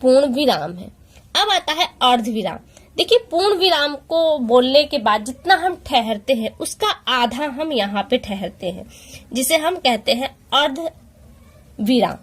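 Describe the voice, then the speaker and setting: A woman leads an exam-prep lesson in a high, animated voice, walking through each step patiently and posing rhetorical questions. She slows down whenever she reads out example sentences.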